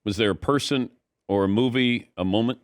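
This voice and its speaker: A man's voice: medium pitch, brisk, no room sound. Middle-aged guy hosting a sports talk show, curious easygoing questions, dry close sound. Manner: curious, easygoing, laughs along. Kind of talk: casual interview questions.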